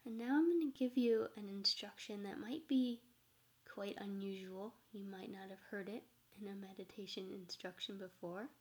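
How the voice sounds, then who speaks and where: A woman teaching meditation in a soft, gentle, hushed voice that trails off toward a whisper. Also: mid-range voice, normal speed. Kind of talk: soft-spoken guided meditation instruction.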